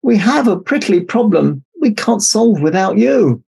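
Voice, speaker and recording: A man's voice: high-pitched, sing-song, a little slow, gravelly, warm tone, breathy edge, voice pushed up, full character voice. A man voicing an eager, plaintive male rattlesnake in a children's storybook, exclaiming dramatically. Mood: pleading.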